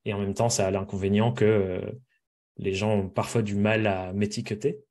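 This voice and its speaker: A man with an English accent talks as an interview guest. His voice sits low, and he lays out his ideas in a reflective, conversational manner. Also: little pitch movement, moderate pace, darkish tone. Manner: reflective, explanatory. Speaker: podcast guest.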